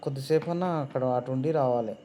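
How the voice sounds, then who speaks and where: A woman's voice: rumbling low, rapid-fire, dark tone, slight background noise. A woman with a Telangana Telugu accent, chatting casually with family at a village home and coaxing the children. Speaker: vlogger.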